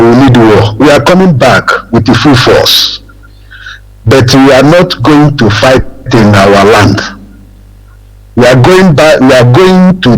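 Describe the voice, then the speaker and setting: A man from southeastern Nigeria calling in to a radio show over the phone. He speaks haltingly, repeats himself, and keeps checking that he can be heard. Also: mid-range voice. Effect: phone call heard over the air. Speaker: caller. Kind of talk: call-in radio comment. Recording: faint, distant phone line.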